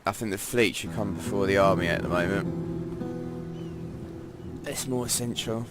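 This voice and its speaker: A man's voice: on the low side, normal speed. A man with a congested, stuffy voice, casually commenting on a strategy game while thinking his moves aloud. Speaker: gameplay commentator. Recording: game music playing behind.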